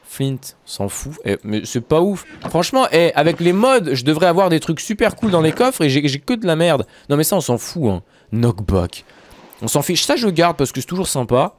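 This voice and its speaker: Excitable young man, lively gaming commentary. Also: on the high side, normal speed. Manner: chatty, excitable, talks to viewers. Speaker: gaming YouTuber. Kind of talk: Minecraft let's play commentary.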